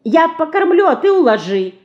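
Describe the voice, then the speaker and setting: A woman reading an audiobook, voicing a lively, stubborn little girl who pleads and bosses. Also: very high-pitched, moderate pace, highs cut off, voice pushed up. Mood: eager. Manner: eager, pleading, bossy.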